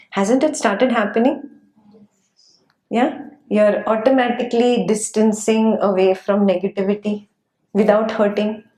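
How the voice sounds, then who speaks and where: A woman teaching a class on Buddhist scripture, explaining gently and often checking in with her students. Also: mid-range voice, roomy sound. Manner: gentle, frequent checking questions, laughs often. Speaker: dharma teacher.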